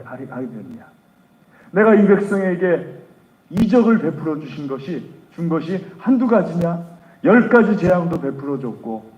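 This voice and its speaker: An angry, booming God, put on by a male preacher mid-sermon. The voice sits fairly high and carries, each grievance stacked on the last with mounting indignation. It rings out across a reverberant sanctuary, a little dull and muffled. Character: wrathful God rebuking his people.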